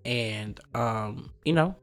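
A man hosting a podcast, telling a personal story in a casual, animated way, laughing often and acting out the voices he quotes. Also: mid-range voice, extremely slow. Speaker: podcast host.

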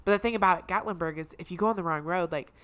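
Animated woman telling a story. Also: on the low side, very fast, smooth. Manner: animated storyteller, acts out quoted relatives loudly. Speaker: podcast co-host. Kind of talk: casual storytelling chat.

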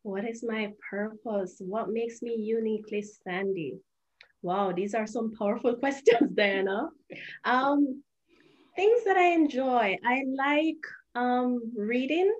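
A woman from Jamaica, a guest author answering interview questions in a thoughtful, measured way. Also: a little high, animated, highs cut off.

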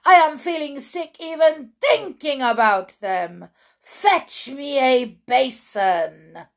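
A woman voicing a screaming, tyrannical old female witch leader who rants slowly and loudly. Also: high-pitched, animated, vocal fry, pitched above the performer's own voice, exaggerated voice. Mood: ranting. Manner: shrieking, ranting, slow and loud.

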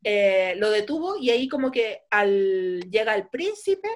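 A woman's voice: medium pitch, sing-song, a little slow. A woman retelling a story in casual chat, laughing often and acting out quotes.

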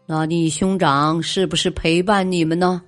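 A woman voicing an enraged ancient duke who scolds his wife in loud, raised tones. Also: lowish voice, fairly even intonation, moderate pace, soft background music, lightly acted. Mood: suspicious. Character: furious male ruling duke confronting his wife.

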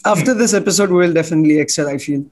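A man's voice: on the high side, rapid-fire, a little mellow. A young man co-hosting a podcast, joking and asking questions in a casual way. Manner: joking, asks questions with restarts. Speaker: podcast co-host. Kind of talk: casual chat.

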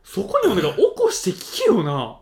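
A young man with a Kansai accent chats with a friend, making teasing remarks. His pitch jumps around a great deal from line to line. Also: wildly swooping pitch, a little mellow. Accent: Kansai Japanese. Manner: teasing, quick back-channel remarks. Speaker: friend listening. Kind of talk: casual chat.

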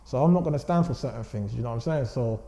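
Man, London roadman accent, very mellow dark tone, quick street-slang talk, emphatic and defensive, roomy echo. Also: medium pitch, creaky. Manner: defensive, emphatic, repeats check phrases like "do you know what I'm saying". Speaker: blogger interview guest.

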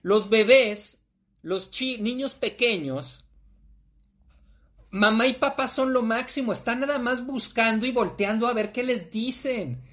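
Casual and emphatic, a Mexican Spanish–accented podcast host loads the talk with slang and sometimes plays out small scenes. The voice sits at medium pitch, is a bit bright, and moves at a measured pace.

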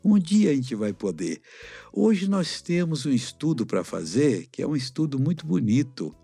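A man's voice: fairly high pitch, big pitch swings, moderate pace, creaky, dark tone, husky, soft background music. A middle-aged man with a Brazilian accent teaching a children's Bible lesson like an uncle, explaining and asking simple questions. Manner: avuncular, didactic, asks questions. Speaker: missionary Bible teacher, host.

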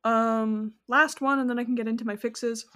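A woman's voice: fairly high pitch, moderate pace. A woman co-hosting a podcast, talking casually about a movie, rambling and correcting herself as she goes. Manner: rambling, self-correcting, animated asides. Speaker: podcast co-host. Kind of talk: casual chat.

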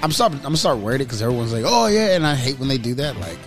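A young man co-hosting a podcast chats casually about sports, speaking rapid-fire at a medium pitch over background music. He's animated and profane, acting out quotes in a raised voice.

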